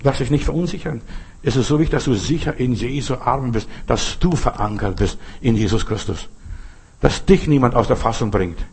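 A man's voice: medium pitch, fairly quick, gravelly, a little mellow, slightly rough. An older man, a pastor, preaching an earnest sermon and telling stories with acted-out quotes.

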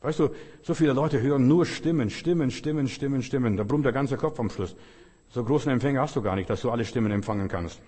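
A man's voice: medium pitch, fast talker, a little mellow, slightly rough, in a large hall. A man preaching a sermon with emphasis, repeating his phrases and quoting scripture. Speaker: pastor.

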